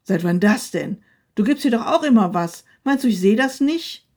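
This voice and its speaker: A woman playing a loud, bullying husband. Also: medium pitch, expressive, fast talker, natural voice. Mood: scornful. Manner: shouting, scornful.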